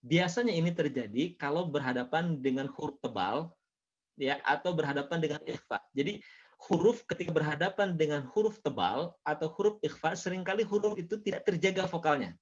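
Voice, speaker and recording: Man, fairly high voice, patient recitation teacher, dull video-call sound. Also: animated, brisk, slightly rough. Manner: patient, corrects by drawing out and repeating sounds. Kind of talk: online recitation lesson.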